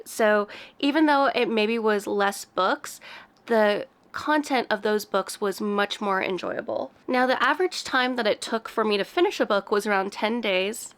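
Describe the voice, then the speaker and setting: A woman's voice: fairly high pitch, fairly bright tone. A young woman chatting casually about books she read, her voice a little off from a cold, rambling and laughing lightly. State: has a cold, voice a bit off. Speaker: book vlogger. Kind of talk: casual book review chat.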